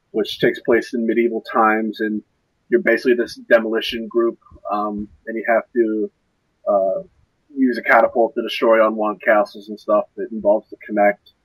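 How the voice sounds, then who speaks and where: A man's voice: on the low side, level tone, moderate pace, slightly rough, no room sound, poor audio. A young man co-hosting a casual gaming podcast, rambling and searching for words with frequent fillers. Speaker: podcast co-host.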